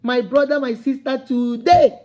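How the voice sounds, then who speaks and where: Though her intonation stays fairly even, this high-pitched, slightly mellow Nigerian-accented woman gives an impassioned motivational talk at a measured pace. She preaches, repeats her points, and rises to emphatic calls.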